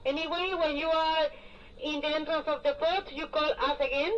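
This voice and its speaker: A woman's voice: high voice, steady tone, moderate pace. A woman working as a marina radio operator, heard over a marine VHF radio, giving brief, clipped instructions. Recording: muffled radio speaker with faint hiss.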